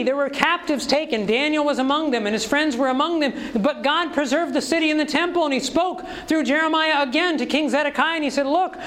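A man's voice: very high-pitched, a bit bright, poor audio. A man preaching a sermon, reading scripture aloud and pressing the congregation with rhetorical questions.

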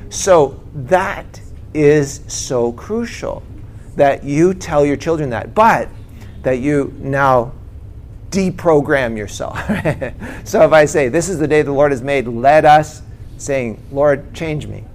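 A man's voice: a little high, slow, a little hiss or hum. Chatty man sharing his own testimony. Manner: keeps checking in with "right?" and "okay?". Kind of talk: personal testimony, conversational.

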